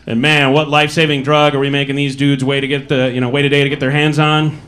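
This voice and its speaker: A man with an Upper Midwest American accent doing a stand-up routine on a comedy club stage, telling dry, wry stories with quick asides. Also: mid-range voice, little pitch movement, a bit bright.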